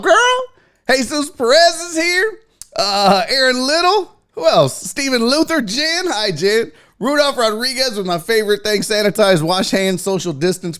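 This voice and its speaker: A man's voice: very high voice, a bit bright, clear, resonant tone. A man hosting a casual livestream, greeting viewers in slangy, buddy-like terms with blunt, profane, joking talk. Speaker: livestream host.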